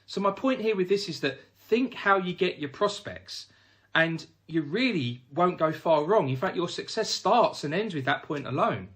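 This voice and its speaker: A man delivers an instructional talk straight to his viewers, calling them "guys" as he makes his points emphatically. His voice sits a little high, and his pitch moves in a lively, animated way. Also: moderate pace. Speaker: business finance trainer. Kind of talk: direct-to-camera instructional talk.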